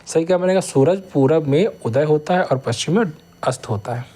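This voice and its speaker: A man teaches grammar, reading each sentence aloud slowly and then explaining the correction in quick bursts. His voice is a little high and warm, with a breathy edge.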